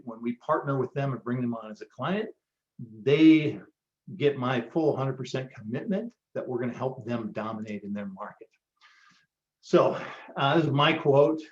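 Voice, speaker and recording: A man hosting a live online marketing workshop, giving a motivational pep talk with frequent ums. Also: medium pitch. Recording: roomy, dull lo-fi sound.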